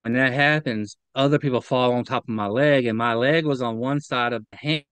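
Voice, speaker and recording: A man's voice: medium pitch, fairly bright tone, clear, resonant tone, no echo, poor audio. Earnest man recounting on a video call. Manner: earnest, halting, repeats words when upset. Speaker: interview guest. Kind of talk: remote interview testimony.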